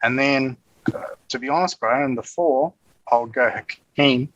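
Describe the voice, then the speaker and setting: A man's voice: mid-range voice, measured pace, a bit bright, no echo, lo-fi sound. A man with a broad New Zealand accent chatting casually and telling stories in slangy, sweary, matey language. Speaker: podcast guest. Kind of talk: casual chat, storytelling.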